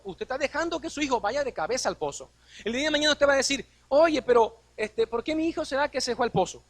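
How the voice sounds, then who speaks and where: A man's voice: extremely high pitch, bright, forceful tone, dry recording. A man preaching a sermon as a pastor, posing rhetorical questions and acting out quoted dialogue.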